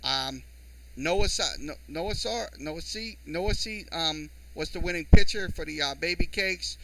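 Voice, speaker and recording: A man hosting a live sports podcast from New Orleans, reading baseball scores in a halting way with many ums and uhs. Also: fairly high pitch, gravelly, sharp tone, rough recording. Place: home studio with mixer. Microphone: studio mic through a mixer.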